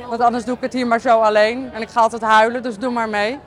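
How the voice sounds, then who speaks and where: A woman hosting her podcast in a candid, casual video diary, tired and halting, with many fillers. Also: fairly high pitch, little pitch movement. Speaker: podcast host.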